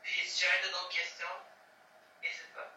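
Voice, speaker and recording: A woman's voice: lowish voice, completely flat delivery, moderate pace, pushed and bright, a little hiss or hum. A woman coach, guiding a posing lesson over a video call with encouraging step-by-step corrections. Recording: echoey, distant video call audio.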